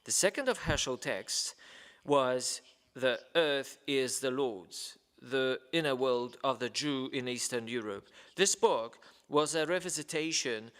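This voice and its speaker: A man with a medium-pitched, slightly bright voice reads a letter aloud at a ceremony, a little slowly. It's a formal speech delivered hesitantly, full of fillers and stumbles over names, and a large hall adds long reverb.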